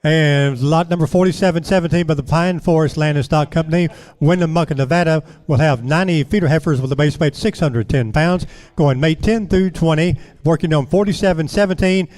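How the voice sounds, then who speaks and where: An American man with a slightly high voice announces lots at a livestock auction. He reads out the details of each lot as an announcer, between the auctioneer's chants. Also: fairly quick, few pauses, a little mellow.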